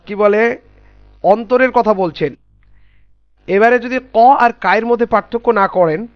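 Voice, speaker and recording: A man teaching Quran letter pronunciation in a class, patiently spelling out sounds slowly and repeating them. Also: high voice, clear, resonant tone, dry recording, lo-fi sound.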